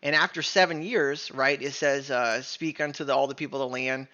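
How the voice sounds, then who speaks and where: Earnest man teaching scripture, bright voice. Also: medium pitch, fairly even intonation, a little fast, highs cut off. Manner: earnest, conversational, many "right?" checks and self-corrections. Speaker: bible teacher. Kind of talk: informal bible teaching.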